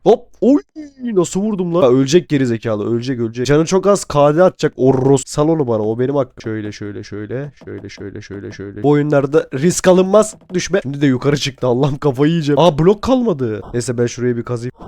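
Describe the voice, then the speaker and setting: A young man who is sick and hoarse, doing excitable gameplay commentary and swearing at the game. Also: fairly high pitch, fast, few pauses, dry recording, studio quality. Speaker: gaming YouTuber.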